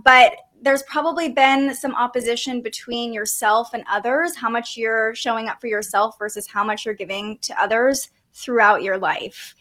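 A woman hosting a podcast, giving a conversational astrology reading in a gentle, explanatory way. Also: on the high side. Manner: gentle, explanatory, with light laughs and fillers.

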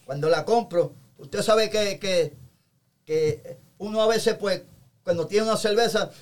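A man's voice: sits high, a little slow. A man, an evangelist guest, giving a fervent testimony in a podcast interview and constantly breaking in with short praise phrases.

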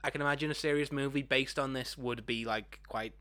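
Young male podcast co-host, bright and punchy, sweary and jokey. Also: medium pitch, steady tone, a little fast. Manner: sweary, jokey, puts on silly voices. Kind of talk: casual movie review chat.

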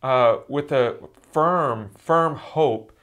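Man, church elder, conversational preaching, relaxed storyteller, mid-pitched voice. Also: very slow.

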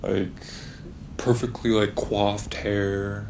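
A man's voice: fairly low pitch, flat delivery, drawn-out words, gravelly, heavy background noise. A young man telling a story in casual chat, rambling and full of fillers. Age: young adult.

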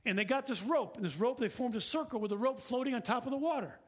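A man's voice: very high voice, fast talker, a bit bright, husky. A middle-aged man preaching a sermon as pastor, earnest and repetitive, with rhetorical questions.

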